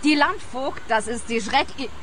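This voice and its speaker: A tipsy young house-sitter in a radio crime comedy. Her voice is very high and piercingly bright, cheeky in manner, with a little background noise. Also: a little slow. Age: young adult.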